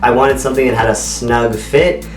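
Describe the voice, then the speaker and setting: A man giving a casual, halting, conversational product review to camera in an echoey apartment room. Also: medium pitch, steady tone. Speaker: video reviewer. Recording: echoey bare apartment, distant mic, faint music.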